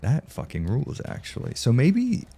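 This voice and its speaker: A man's voice: mid-range voice, huge pitch swings, normal speed, creaky, warm tone, slightly rough. A man streaming a game live, chatting casually with viewers, swearing, rambling and laughing often, tired from no sleep.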